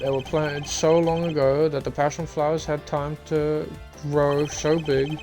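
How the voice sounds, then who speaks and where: A man voicing a composed, formal male prosecutor, reading game dialogue aloud in a measured way. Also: on the high side, little pitch movement. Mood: confident. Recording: game music behind the voice.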